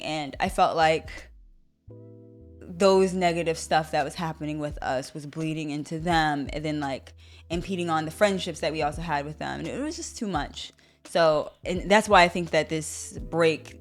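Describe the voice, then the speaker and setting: A young adult woman co-hosting a podcast, chatting casually and animatedly, with plenty of fillers. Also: low voice. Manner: animated, laughs often, many fillers. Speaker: podcast co-host. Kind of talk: casual chat.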